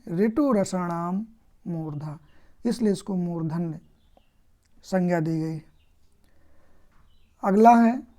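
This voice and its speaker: Slow patient woman teacher. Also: medium pitch, mellow. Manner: slow, patient, asks and answers own questions. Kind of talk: grammar lesson.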